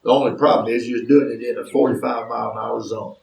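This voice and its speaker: Guy doing a calm polite cop, gravelly, echoey and far from the mic. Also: mid-range voice, fast. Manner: courteous, dry, matter-of-fact. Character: polite, calm Southern police officer. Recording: roomy, distant from mic.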